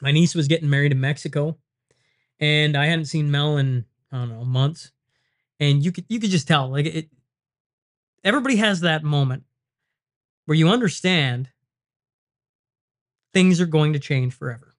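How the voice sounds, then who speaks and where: A man's voice: a little high, moderate pace, pauses often, dry recording, clean studio sound. A man from Canada, a guest in a podcast interview, speaking reflectively with hesitant fillers. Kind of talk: casual interview chat. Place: studio.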